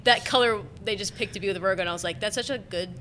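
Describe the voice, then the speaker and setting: A woman's voice: medium pitch, rapid-fire, fairly bright tone, slight background noise. A woman in her twenties hosting a casual podcast, chatty, who laughs often and fills her talk with "like". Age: 20s. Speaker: podcast host. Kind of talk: casual chat. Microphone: podcast mic, sitting a little far from it.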